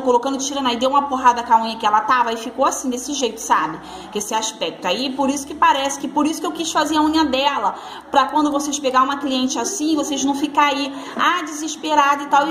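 A woman's voice: high voice, fairly bright tone, a little hiss or hum. A woman from Brazil giving a casual, hands-on nail tutorial, chatty and reassuring with her viewers, recorded on a phone at a salon table. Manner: chatty, reassuring, addresses viewers as girls and friends. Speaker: nail technician instructor. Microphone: phone camera.

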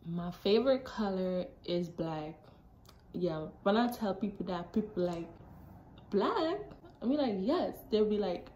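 A teenage girl from Jamaica chatting casually to her phone camera in a small bedroom, animated and full of asides. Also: medium pitch. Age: teens. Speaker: vlogger. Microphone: phone camera at arm's length. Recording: echoey room, faint background noise.

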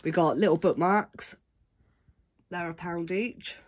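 Speaking slowly in a fairly low voice, a woman with a stuffy, bunged-up cold chats about her handmade crafts. At a craft table indoors, she shows off each piece and lists its price in a casual show-and-tell vlog.

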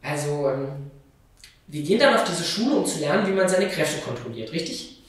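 A man voicing an excitable young female snake creature who gushes and giggles breathlessly. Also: a little high, moderate pace. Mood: excited. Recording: very echoey room, mic far off.

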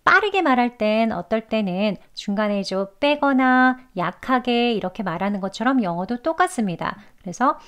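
A woman teaching English pronunciation, repeating phrases slowly and carefully for learners. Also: a little high, a bit bright. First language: Korean. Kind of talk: pronunciation lesson.

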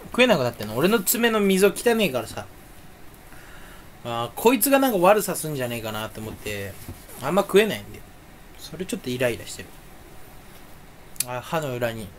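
A man's voice: mid-range voice, a little hiss or hum. A young man chatting alone to camera, rambling playfully and mocking himself while sucking on a candy. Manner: playful, self-mocking muttering with sudden loud outbursts. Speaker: YouTuber. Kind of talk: rambling solo chat.

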